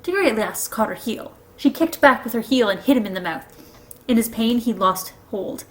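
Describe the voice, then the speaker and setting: A woman reading a children's novel aloud, expressive and lively. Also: fairly high pitch, fairly quick, low-quality recording. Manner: expressive, does voices for characters. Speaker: storybook reader.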